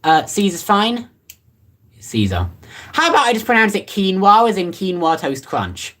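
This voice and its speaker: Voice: mid-range voice, animated, moderate pace, fairly bright tone. A livestreamer chatting casually and reading out viewer comments. Rambles offhand, with many fillers and restarts and a playfully sarcastic edge.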